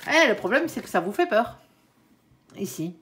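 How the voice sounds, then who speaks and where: A woman's voice: on the high side, big pitch swings, moderate pace, noisy background. A woman giving a tarot reading to viewers, chatty and reassuring, with frequent "hein" tags and the odd stumble over her words. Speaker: tarot card reader.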